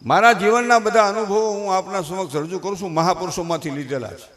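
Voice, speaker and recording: Older man, high voice, Kathiyawadi Gujarati accent; folksy stage comic who preaches as he jokes. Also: fast talker, a bit bright. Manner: folksy, preachy, with rustic dialect. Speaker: folk comedian and speaker. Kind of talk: humorous stage talk with moral advice. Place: stage before a live audience.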